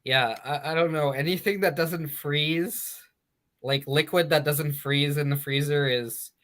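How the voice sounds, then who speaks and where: Brief: male podcast host, somewhat high voice, halting casual delivery full of fillers. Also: fairly even intonation, a bit bright. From Canada. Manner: halting, many uh fillers and restarts. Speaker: sports betting show host.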